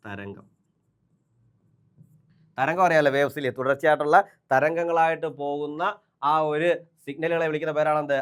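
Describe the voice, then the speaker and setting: A man teaches an exam-prep lesson at a rapid clip. His voice sits a little high. He keeps asking the class questions, answers them himself, and drills the same terms over and over. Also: a bit bright, clear, resonant tone. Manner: repeats key terms over and over.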